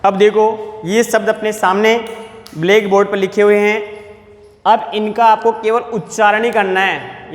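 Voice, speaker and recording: Man, teacher, high voice, slow deliberate drilling, echoey room with long reverb. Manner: slow, drawn-out syllables for pronunciation drills; addresses pupils directly, asks check questions. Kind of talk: classroom lesson at a blackboard. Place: classroom with blackboard.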